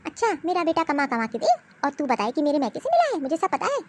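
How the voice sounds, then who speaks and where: A woman's voice: high-pitched, very animated, fast, noisy background. A woman voicing a domineering older mother-in-law in a cartoon, with a harsh, taunting, commanding manner. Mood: scolding. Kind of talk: cartoon voice acting.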